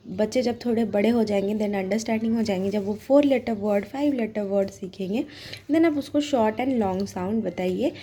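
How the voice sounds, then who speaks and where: A woman giving a patient, casual phonics lesson for parents, sounding out words slowly. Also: fairly high pitch, dark tone, husky. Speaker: phonics teacher. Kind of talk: casual home teaching lesson.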